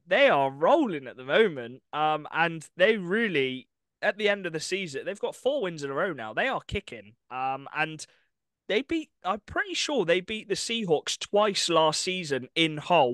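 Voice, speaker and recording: A young man co-hosting a podcast in casual, enthusiastic sports chat, with quick asides and laughs. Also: fairly high pitch, sing-song, a bit bright, no echo. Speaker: podcast co-host.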